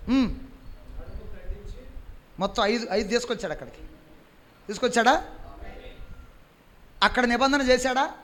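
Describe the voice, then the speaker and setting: Preacher guy, really high voice, keeps asking the crowd questions and drawing words out. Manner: call-and-response preaching, quizzing the congregation; stretches key phrases slowly and loudly. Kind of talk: sermon.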